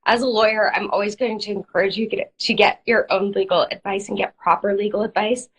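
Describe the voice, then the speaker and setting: A woman's voice: mid-range voice, steady tone, brisk, husky, poor audio. Woman lawyer with a cold. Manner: plain explanatory, uses hedging fillers. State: has a cold, clearing her throat. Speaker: lawyer, guest. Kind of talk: live interview, explaining legal steps. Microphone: online video stream.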